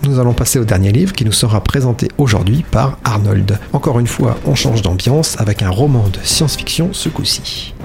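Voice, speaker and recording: A man hosting a show and introducing its segments in a brisk, announcing way. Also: medium pitch, vocal fry. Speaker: radio show host. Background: music.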